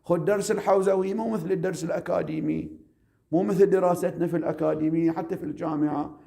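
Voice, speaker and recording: Emphatic high-voiced cleric. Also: male voice, steady tone, vocal fry, warm tone. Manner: emphatic and repetitive, with rhetorical questions; slows down to stress key phrases. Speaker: seminary teacher and cleric. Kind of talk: lecture of advice to seminary students.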